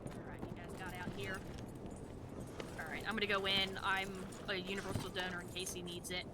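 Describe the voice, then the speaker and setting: A woman in an online roleplay plays a lawman who takes charge and hands out orders briskly. Her voice sits at an average pitch, and loud game noise runs behind her. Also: level tone. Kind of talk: in-character roleplay chat.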